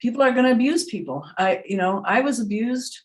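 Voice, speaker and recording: A woman's voice: a little high, a little fast. A middle-aged woman who works as a trance medium, answering questions in an earnest, reflective, unscripted way and repeating words for emphasis. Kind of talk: unscripted spiritual Q&A talk.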